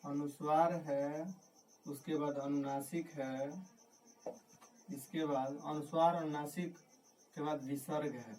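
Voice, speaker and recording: A man's voice: fairly high pitch, fairly even intonation, slow pace, long pauses, darkish tone. A man teaching a grammar lesson, repeating key words and asking questions that he answers himself. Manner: repetitive, asks questions and answers them himself. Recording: distant mic with faint background noise.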